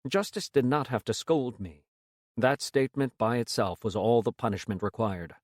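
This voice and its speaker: A man reading a first-person science fiction story as an audiobook narrator in a measured, steady way. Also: medium pitch, no echo, studio quality.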